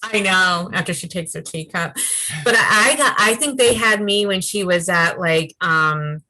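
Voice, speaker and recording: Bright, lower-pitched woman chatting. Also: a little slow. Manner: animated, giggly, many restarts and likes. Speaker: co-host. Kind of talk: casual movie review chat.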